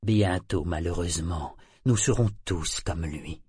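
A man voicing an ancient male sea serpent leader who speaks softly and gravely, without emotion. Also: no room sound, clean studio sound, exaggerated voice. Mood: ominous. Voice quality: husky, low and unhurried. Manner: soft, emotionless, slow and grave. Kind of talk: audiobook character voice.

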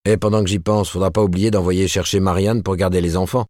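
A man's voice: sits low, flat delivery, fast, a little mellow, dry recording, studio quality, lightly acted. A man voicing a cold, vindictive middle-aged shopkeeper husband who hammers every word. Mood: cold, scolding.

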